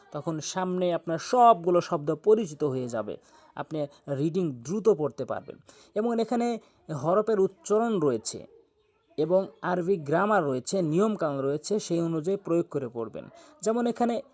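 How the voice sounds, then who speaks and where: A man's voice: fairly high pitch, a little mellow. Patient man teaching Quran reading. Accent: Bangladeshi Bengali. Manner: patient, repeats syllables slowly and drills each word. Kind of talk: spelled-out Quran reading lesson.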